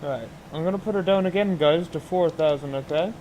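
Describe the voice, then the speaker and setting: A man's voice: fairly high pitch, brisk, darkish tone, a little hiss or hum, rough recording. A man giving casual, chatty gameplay commentary on a flight simulator, thinking aloud with enthusiasm.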